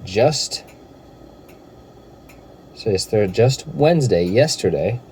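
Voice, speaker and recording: Guy rambling through a story at home, slow and easygoing, deep mellow voice. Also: lively intonation, a little hiss or hum. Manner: laid-back storytelling with filler words. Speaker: vlogger. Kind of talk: casual vlog chat.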